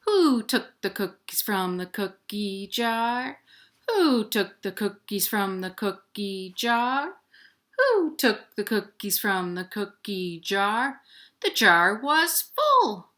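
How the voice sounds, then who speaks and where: Slowly and in a sing-song way, a woman with a medium-pitched, fairly bright voice reads to young children. She is a children's librarian hosting storytime from home, playful and rhyming, speaking directly to them.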